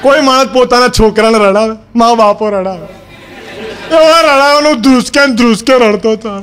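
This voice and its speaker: High-voiced cheeky male comedian. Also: moderate pace, fairly bright tone, a faint crowd. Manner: cheeky storytelling, acting out the other people's lines. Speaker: stand-up comedian. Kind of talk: comic monologue in character as a schoolboy.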